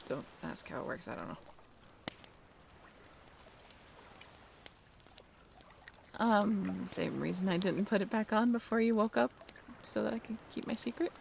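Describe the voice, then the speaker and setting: An actress voices a young half-mermaid woman in an intimate, one-sided audio roleplay, speaking at a middle pitch with a lot of creak. She is casual and halting, wry and a little bashful, with soft self-deprecation and an evasive yet reassuring mood. Faint watery ambience and background noise sit behind her.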